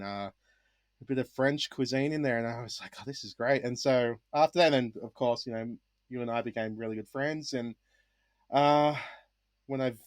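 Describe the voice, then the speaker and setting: An Australian man chats as a podcast guest. He tells stories in a lively way, full of fillers and little asides. His voice is mid-pitched and recorded dry and close. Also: no room sound. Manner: chatty, animated, many fillers and asides. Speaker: guest, high school English teacher. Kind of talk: casual interview storytelling.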